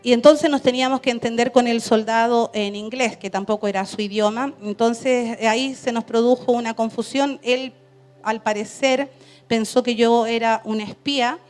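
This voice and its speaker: A woman missionary, telling her story to a church in a lively way, with laughs and acted quotes. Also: a little high, moderate pace, faint music behind. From Chile. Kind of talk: testimony in a church service.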